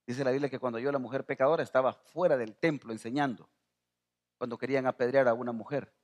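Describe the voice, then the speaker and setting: A middle-aged man from El Salvador with a Salvadoran accent, preaching a sermon as pastor, rising to near-shouting and calling out to the congregation. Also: mid-range voice, fairly even intonation, quick pace. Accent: Salvadoran Spanish.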